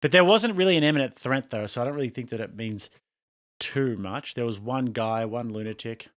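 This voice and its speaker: A man's voice: mid-range voice, brisk, a bit bright. An Australian man hosting a casual reaction commentary, blunt and mocking, laughing at what he watches. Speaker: commentary channel host.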